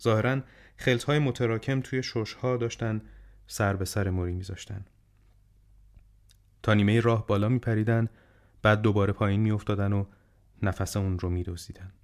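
A man narrates an audiobook at a steady, measured pace. His voice sits somewhat low. The delivery is even and storytelling.

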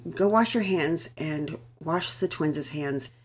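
A woman voicing a gentle, patient mother who speaks in a soft, polite, measured way. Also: sits low. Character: gentle, patient mother, calm under pressure.

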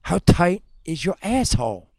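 A crude, flirty woman comic who teases without mercy, as a man reads her lines in his own gravelly voice. The sound is dry and close, with no room echo. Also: sits high, sing-song, measured pace, exaggerated voice. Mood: mocking. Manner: crude, teasing, laughs mid-line. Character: flirty female Canadian comic customer. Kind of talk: improvised comedy script read-through.

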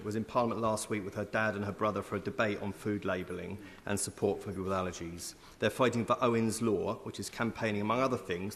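A man's voice: on the low side, fairly bright tone. A man delivering a sober, formal prepared question as a member of parliament. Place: large indoor parliamentary chamber. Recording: reverberant chamber.

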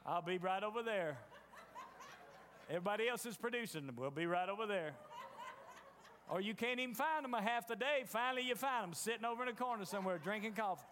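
A man's voice: sits high, lively intonation, fairly quick, a bit bright, long reverb tail, slight background noise. A man preaching a sermon in a folksy, storytelling way, acting out the voices of doubters.

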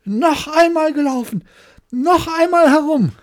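A reader voicing a boastful male hare in a bedtime fairy tale, high, loud and agitated, with a gravelly, husky voice. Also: sing-song, slow pace, exaggerated voice. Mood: furious. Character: excitable boastful male hare, fast runner.

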